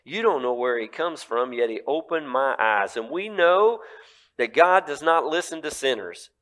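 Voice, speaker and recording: A man's voice: mid-range voice, animated, moderate pace, a bit bright, lightly acted. A man voicing a formerly blind man who answers his questioners bluntly and defiantly. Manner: blunt, challenging.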